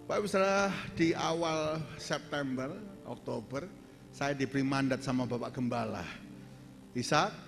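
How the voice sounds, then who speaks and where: A man preaching a sermon and telling a personal testimony, swinging from loud urgent calls to soft low asides and addressing the congregation directly. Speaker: pastor. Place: large church hall. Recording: long church reverb with faint music behind.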